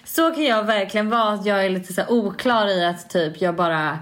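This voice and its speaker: A young woman in a casual chat, relaxed, with quick bursts when she explains herself. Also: mid-range voice.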